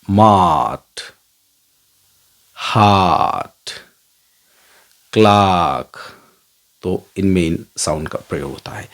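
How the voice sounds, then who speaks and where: A middle-aged man teaching a phonetics lesson, drawing out each vowel sound slowly as he models it. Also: deep voice, vocal fry, a little mellow, husky. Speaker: English teacher.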